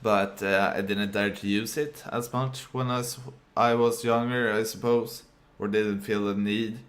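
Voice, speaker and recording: A deep-voiced man, a vlogger whose first language isn't English, delivers a casual, unscripted monologue in English, halting with fillers and restarts. His tone stays steady.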